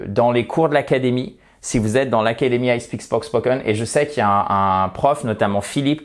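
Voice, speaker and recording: A man teaching English pronunciation in an online lesson, chatting relaxedly with viewers and slowly repeating model words for them to drill. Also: mid-range voice.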